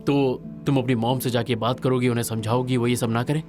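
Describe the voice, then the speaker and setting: An actor dubbing an idealistic, frustrated garden manager who argues pressingly. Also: male voice, medium pitch, level tone, a little fast, close to an everyday voice. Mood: pleading. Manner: pressing, argumentative. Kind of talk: Hindi movie dub. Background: background music.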